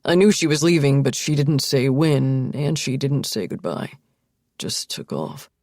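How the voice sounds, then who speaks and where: A woman voicing a calm, friendly middle-aged man on the phone, talking in a soft, reflective way. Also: extremely low pitch, unhurried, no echo, clean studio sound, exaggerated voice.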